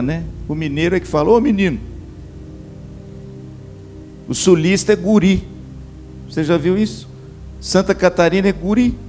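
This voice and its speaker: Man preaching a sermon over soft music. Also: a little high. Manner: preacherly, addresses listeners as brothers. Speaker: pastor. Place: church camp meeting hall.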